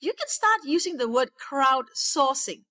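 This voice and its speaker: A woman runs a network marketing training on a webinar call, speaking with enthusiasm and repeating phrases to rally her listeners. Her high voice is expressive and unhurried, with a pushed, bright quality.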